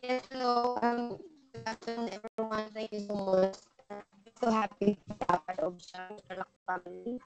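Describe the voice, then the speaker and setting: A woman, a team leader, giving a hesitant greeting with many pauses over an online call whose audio keeps breaking up. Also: mid-range voice, level tone, music in the background, rough recording. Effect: call audio breaking up over a bad connection. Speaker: team leader joining a webinar. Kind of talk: brief greeting on a web call. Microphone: remote online call connection.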